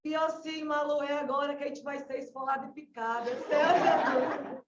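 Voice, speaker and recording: A woman from southern Brazil with a Gaúcho accent shares her missionary testimony, crying out to the Lord again and again. Her voice sits high, and it sounds distant and slightly muffled, ringing in a reverberant space. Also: steady tone, fast talker, heavy background noise. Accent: Gaúcho Brazilian Portuguese. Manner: fervent, exclamatory, often calling out to the Lord. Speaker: missionary colporteur. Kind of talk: emotional religious testimony. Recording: echoey, distant, dull-sounding room recording.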